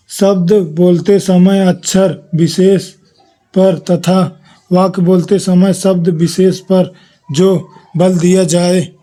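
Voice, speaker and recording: Guy going over exam notes, talks slow, kinda high and really dark sounding. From India. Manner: reads notes aloud, listing letters one by one. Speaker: teacher. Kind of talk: exam revision lesson.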